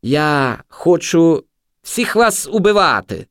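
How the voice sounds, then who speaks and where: A man voicing a jeering, unhinged young male street junkie who yells taunts. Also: fairly high pitch, big pitch swings, slow, no echo, studio quality, voice pushed up, full character voice. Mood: taunting.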